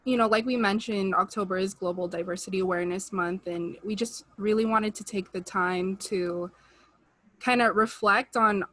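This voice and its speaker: A young American woman co-hosts a podcast over a video call from a room at home, talking earnestly with rising feeling and lots of "like" and "you know." Her mid-range voice is a bit bright, with fairly even intonation and a moderate pace, picked up by a webcam mic.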